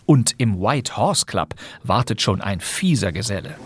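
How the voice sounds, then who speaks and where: A podcast host with a lowish, husky voice presents classic radio plays from a script. He is animated and a little slow, delivering it all in a chatty, wry manner.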